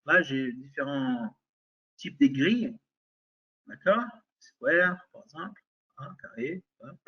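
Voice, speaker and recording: A man's voice: a little high, lively intonation, takes it slowly, breathy edge, lo-fi sound. Brazilian-accented man, hesitant webinar demo. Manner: hesitant, many fillers and restarts; checks in with listeners often. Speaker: webinar presenter. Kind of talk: software demonstration webinar.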